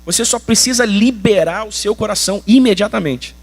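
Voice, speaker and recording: A man's voice: sits high, brisk. A Brazilian man preaching a sermon as pastor, colloquial and emphatic, with slangy asides. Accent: Brazilian Portuguese.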